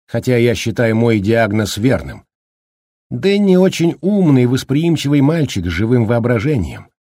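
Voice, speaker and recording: A man voicing a calm, husky doctor. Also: medium pitch, moderate pace, no echo, clean studio sound. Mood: calm explaining. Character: calm male doctor, measured and reassuring. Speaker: doctor in the story. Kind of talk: audiobook character reading.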